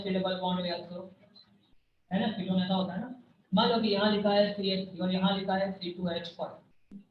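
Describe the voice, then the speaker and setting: Male chemistry teacher, high voice, quizzing his class, echoey distant classroom recording with a phone-like sound. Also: slight background noise. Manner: asks students questions, repeats and scolds. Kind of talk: classroom lecture.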